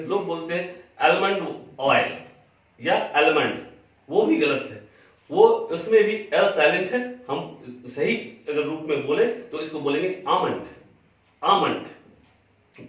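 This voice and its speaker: A man teaching English pronunciation in a spoken lesson, spelling words out letter by letter and repeating the correct form slowly. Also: a little high. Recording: very echoey, distant, dull sound.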